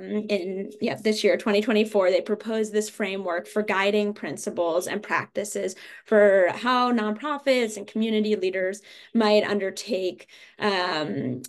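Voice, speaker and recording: Creaky-voiced woman leading a training. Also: medium pitch. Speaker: presenter leading a training webinar. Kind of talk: informal explanatory lecture.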